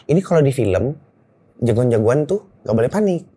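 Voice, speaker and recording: A woman's voice: extremely low pitch, normal speed, husky. A woman guest telling a story in a casual interview, talking in slang, repeating words for emphasis and acting out her own thoughts. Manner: animated, acts out quoted thoughts.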